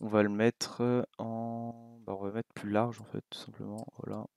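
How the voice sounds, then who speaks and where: A young man with a French accent giving a relaxed, casual coding tutorial at his computer, thinking aloud with many fillers and asides. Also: lowish voice, moderate pace, creaky, no room sound, faint music behind. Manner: relaxed, talks while clicking, many fillers and little asides. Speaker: game development tutor.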